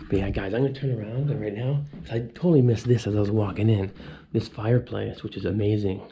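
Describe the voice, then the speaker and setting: An urban explorer in his thirties speaks with a medium-pitched, dark voice touched by vocal fry as he wanders an empty mansion. He films on a handheld action camera at arm's length, exclaiming in wonder and thinking aloud over slight background noise.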